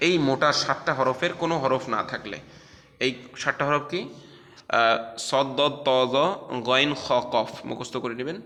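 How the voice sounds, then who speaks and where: A man teaching a Quran recitation class, spelling out letters and drawing out recited words slowly between explanations of the rules. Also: mid-range voice, bright, forceful tone, long reverb tail. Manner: slow, drawn-out recitation of syllables, then explaining rules.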